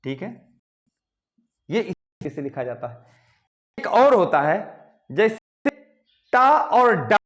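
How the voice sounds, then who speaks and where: A man's voice: high-pitched, sing-song. A man teaching Hindi grammar, explaining step by step and checking in with "okay" between points. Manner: slow, repeats "ठीक है" between points. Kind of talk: explaining at a board.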